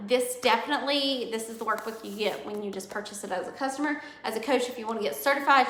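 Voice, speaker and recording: A woman fitness coach chatting through a nutrition plan in a casual video, rambling with many ums and self-corrections, a bit hoarse. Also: a little high, pushed and bright. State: losing her voice. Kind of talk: casual product walkthrough video. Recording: echoey room.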